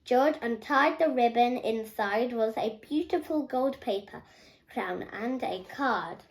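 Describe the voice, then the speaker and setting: A young girl reads a children's picture book aloud, carefully and haltingly, stumbling and correcting herself. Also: a little high, low-quality recording. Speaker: young reader.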